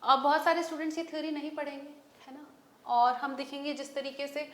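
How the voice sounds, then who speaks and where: A young Indian woman teaching an exam-prep lecture in Hindi and English. She dictates English terms slowly, races through Hindi asides and keeps saying "okay.". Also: sits high, flat delivery, echoey room.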